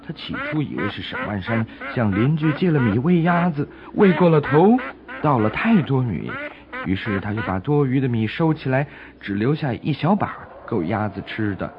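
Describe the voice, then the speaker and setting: In a sing-song, mid-range voice, a man reads a scripted children's story at a moderate pace, expressive and simple for small listeners. Crowd noise and music can be heard behind the dull, lo-fi audio.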